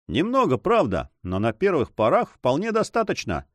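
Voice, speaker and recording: A man voicing a humble, soft-spoken male servant. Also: a little high, wildly swooping pitch, moderate pace, no room sound, voice pushed up.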